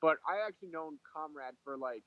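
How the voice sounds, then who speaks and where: A man with a hoarse, sick voice, co-hosting a casual podcast chat and eagerly talking over others. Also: fairly high pitch, a little fast, no room sound. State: hoarse from illness. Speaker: podcast co-host. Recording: muffled lo-fi mic.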